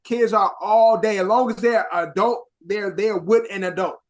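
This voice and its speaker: A man's voice: sits high, fairly even intonation, moderate pace. A young adult man co-hosting a podcast, chatting casually in a rambling, profane way. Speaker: podcast co-host. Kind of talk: casual chat.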